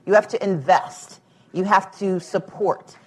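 Husky woman speaking at a live event. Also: medium pitch, measured pace, darkish tone, rough recording. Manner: emphatic, uses homely analogies, dry humor. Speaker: invited speaker, former candidate for governor. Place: event room with a live audience.

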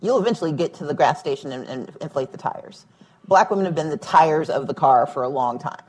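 A woman's voice: low voice, expressive, fairly quick, a little mellow, husky, rough recording. A woman speaking at a public event, a former candidate for governor, emphatic and dryly humorous with homely analogies. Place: event room with a live audience.

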